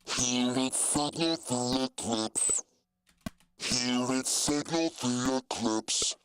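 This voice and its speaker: A man's sung vocal line run through a pitch shifter that drops it an octave and shifts the formant. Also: slight background noise. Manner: slow sung phrase repeated as a demo. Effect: pitch shifter dropping the voice an octave, formant shifted. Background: loud music track.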